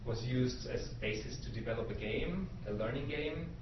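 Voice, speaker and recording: A man's voice: medium pitch, normal speed. A man from Austria, a visiting researcher introducing himself casually and hesitantly, with many ums. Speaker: visiting researcher on a guest panel. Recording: echoey hall from far off, dull and noisy.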